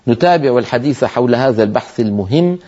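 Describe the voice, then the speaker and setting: A man's voice: medium pitch, animated, dark tone, muffled recording. A middle-aged man teaching Quran recitation rules on a broadcast, demonstrating letter sounds and asking listeners to try them. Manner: measured, explanatory delivery. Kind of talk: televised tajweed lesson.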